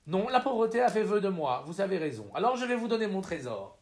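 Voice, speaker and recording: A man's voice: sits high, very animated, quick pace, voice pushed up. A man reading a whimsical poor wanderer. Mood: earnest. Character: eccentric impoverished man, wandering and mystical.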